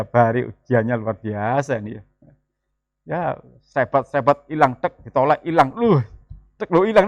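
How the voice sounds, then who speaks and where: A man, preaching a sermon in a lively, joking way and mixing in words. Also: medium pitch, no echo. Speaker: pastor. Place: church.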